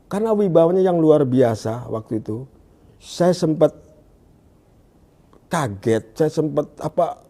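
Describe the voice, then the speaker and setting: An Indonesian guest shares his testimony in a conversational interview, hesitating, groping for words, and restarting in halting bursts. His voice is mellow with lively intonation, and he lowers it to a hush whenever he quotes someone.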